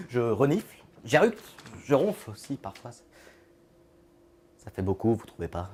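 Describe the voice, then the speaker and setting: An actor playing an odd, lonely man with an invisible friend, talking in a halting, rambling way that trails off into murmurs. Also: on the high side, darkish tone, breathy edge. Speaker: actor in a short film monologue. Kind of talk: film monologue.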